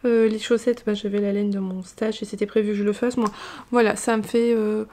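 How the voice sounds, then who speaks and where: A woman's voice: mid-range voice, flat delivery, fairly quick. A woman chatting casually about her knitting projects, rambling with fillers and restarts. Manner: hushed, half-whispered talk. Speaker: knitting vlogger. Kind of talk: casual chat.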